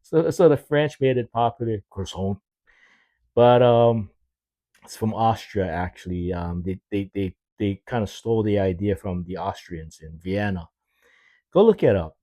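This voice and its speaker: A man's voice: fairly low pitch, unhurried, warm tone, dry recording. A chef in his sixties from Hawaii, hosting his own podcast in a casual, rambling, folksy monologue that he aims straight at his listeners. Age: 60s.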